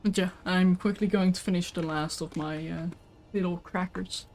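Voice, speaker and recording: A woman's voice: on the low side, fairly even intonation, normal speed, a little mellow. Chatty woman livestreaming a game. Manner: chatty, rambling, snacking between sentences. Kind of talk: casual chat while gaming.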